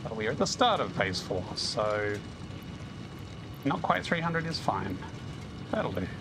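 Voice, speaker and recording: A man's voice: medium pitch, big pitch swings, measured pace, background noise. A man giving casual gameplay commentary, thinking aloud in a self-deprecating way as he hosts. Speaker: gaming video host.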